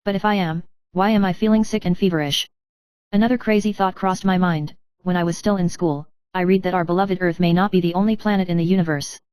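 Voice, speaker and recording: A woman narrating a first-person story in a steady, measured reading style. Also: on the low side, clear, resonant tone, dry recording.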